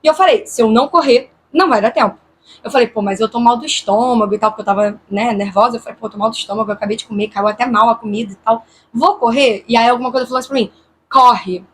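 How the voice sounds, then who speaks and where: A woman's voice: on the high side, very fast, a little hiss or hum. A woman vlogger from Brazil, casually and tensely retelling a frightening night to camera, voicing her own thoughts as she goes. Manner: animated, tense retelling with quoted inner thoughts.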